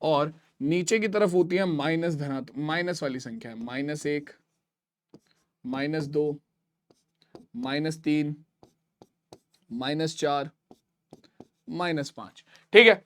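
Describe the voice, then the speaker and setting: High-voiced man teaching math. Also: takes it slowly, pauses often, a bit bright. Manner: repeats key points and quizzes students. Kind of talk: classroom math lesson.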